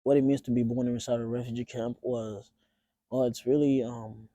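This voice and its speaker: A young man from Tanzania talks as an interview guest, easygoing and halting, often restarting his sentences. His voice is dark and mellow at an average pitch. The sound is dry and close. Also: no echo. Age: 20s. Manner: relaxed, halting, with many fillers and restarts. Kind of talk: casual interview.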